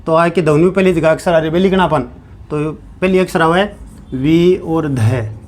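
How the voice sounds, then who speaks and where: A man's voice: on the high side, steady tone, moderate pace. A man teaching a grammar lesson, repeating each step and answering his own questions. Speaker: Sanskrit teacher.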